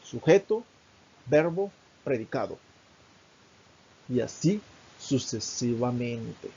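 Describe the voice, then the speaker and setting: Gravelly Venezuelan man teaching English. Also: medium pitch, lively intonation, darkish tone, lo-fi sound, slight background noise. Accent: Venezuelan Spanish. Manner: slow, careful modeling of English phrases. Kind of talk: recorded online lesson.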